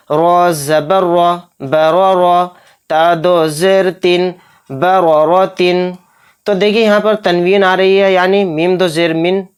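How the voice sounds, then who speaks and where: A patient recitation teacher spells out syllables one by one in a smooth, clean voice at an unhurried pace. The teacher breaks off into brisk asides to explain each rule, often asking a question and answering it. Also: medium pitch. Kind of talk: step-by-step spelling and recitation lesson.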